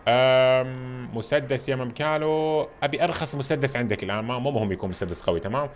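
Fast-talking excitable gamer man. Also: medium pitch, a little hiss or hum. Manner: excitable, chatty, addresses viewers constantly. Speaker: gamer playing a video game. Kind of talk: casual gameplay commentary.

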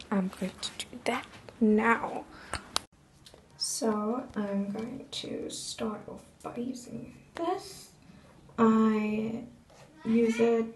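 A young woman vlogging her morning beauty routine, her croaky morning voice low on energy and gravelly at the edges. She talks at an unhurried pace in a slangy, chatty way, often sinking to a near-whisper, and her voice sits fairly high. A faint room hum runs behind her. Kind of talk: casual get-ready-with-me vlog.

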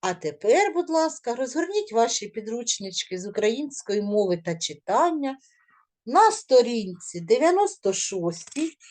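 Lively, slow-speaking woman teacher. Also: on the high side. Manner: warm encouraging, sing-song drilling of syllables. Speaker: primary school teacher. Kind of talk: video lesson for young children.

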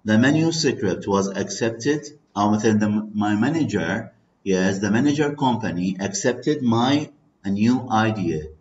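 A man with an Iraqi accent teaching English vocabulary, switching between English and Arabic, repeating words slowly and checking in with "okay" and "clear". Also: on the low side, lively intonation, darkish tone, slight background noise. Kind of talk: bilingual classroom lecture. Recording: echoey muffled classroom recording.

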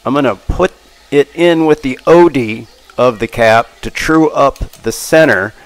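The audio is poor, but you can hear a man in his sixties with a medium-pitched voice casually narrating his hands-on work in an indoor machine shop. A machinist and channel host, he talks in a folksy, plainspoken way while machinery and power tools come through clearly.

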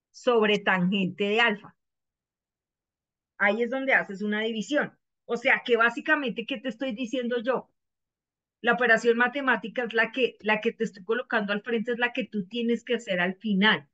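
A woman's voice: a little high, pushed and bright, lo-fi sound. A woman teaching math in an online class, patiently explaining and asking her students questions over and over.

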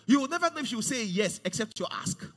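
A man in his forties preaching a sermon on a large church stage, swinging from hushed to loud. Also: very high-pitched, very animated, fast, in a large hall, soft background music. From Nigeria. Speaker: pastor.

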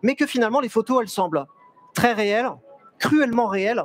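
A young man, a photographer, giving a lively, chatty talk on a fair stage through a headset mic, with many restarts and small jokes to the audience. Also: extremely high pitch, quick pace, faint music behind. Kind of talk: live stage presentation. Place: stage at a trade fair, large indoor hall.

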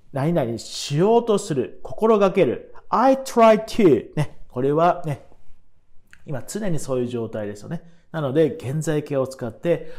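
Lively man teaching English phrases. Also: on the high side. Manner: says English example sentences slowly and carefully; chatty, uses frequent tag words. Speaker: English teacher and channel host. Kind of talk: explaining an English phrase lesson.

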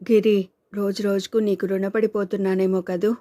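A weary, brooding husband, as a woman reads him in a flat, mellow voice. He speaks in a low-key, resigned way, in a storybook reading. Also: normal speed, no room sound, lightly acted. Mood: earnest.

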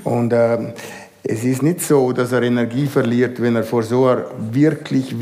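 A man in his sixties speaking as a guest in a stage discussion, measured and hesitant, in a large hall. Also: mid-range voice, darkish tone. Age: 60s.

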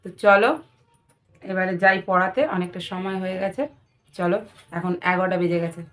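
A woman's voice: lowish voice, little pitch movement, a little fast, fairly bright tone. A woman vlogging her daily routine as a home tutor, chatting casually and directly with her viewers.

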